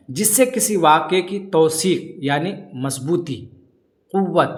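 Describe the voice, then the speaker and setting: Grammar teacher, quizzing himself, echoey room. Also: male voice, fairly high pitch. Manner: drills by asking questions and answering them himself. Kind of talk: classroom lesson.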